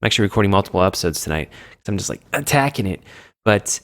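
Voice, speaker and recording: A man's voice: fairly low pitch, animated, fast talker, a bit bright. Rambling sick man hosting a chat. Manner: rambling, self-mocking, loses his train of thought. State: sick with a cold. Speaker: gaming show host. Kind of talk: casual chat.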